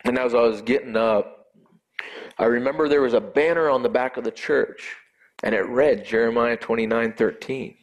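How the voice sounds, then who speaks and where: A man giving an earnest, emotional personal faith testimony, halting at times and repeating words as he speaks. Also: mid-range voice.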